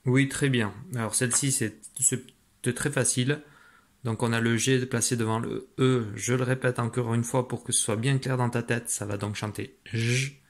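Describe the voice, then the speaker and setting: A man's voice: medium pitch, fairly even intonation. Patient man teaching phonics to children. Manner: patient, slow, spells out letters and sounds; encouraging, praises the listener. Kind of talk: phonics lesson for young children.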